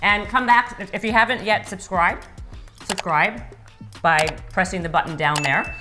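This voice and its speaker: A woman's voice: mid-range voice, normal speed, over music. A woman hosting a casual cooking chat, talking in a loose, chatty way and repeating words as she searches for them. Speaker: host.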